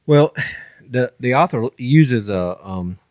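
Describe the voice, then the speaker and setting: A man's voice: medium pitch, lively intonation, takes it slowly, darkish tone, dry recording, studio quality. A man with a Southern US accent co-hosting a faith podcast, casually chatting and reading Bible passages aloud, stumbling now and then. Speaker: podcast co-host. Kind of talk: casual Bible study chat.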